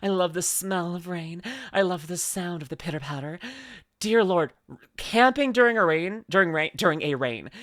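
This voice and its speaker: A vtuber streamer chatting through a reaction video, drowsy from medication, voice a little rough like a morning voice, rambling and giggly. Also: mid-range voice, expressive, moderate pace, a bit bright, no echo, clean studio sound. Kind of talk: casual reaction commentary.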